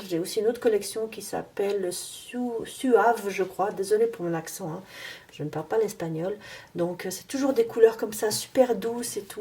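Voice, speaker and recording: Hesitant woman with a mellow voice. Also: medium pitch. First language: French. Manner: hesitant, many fillers and restarts; sometimes drops to a soft, near-whispered aside while handling objects. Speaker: craft tutorial host. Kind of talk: casual crafting tutorial.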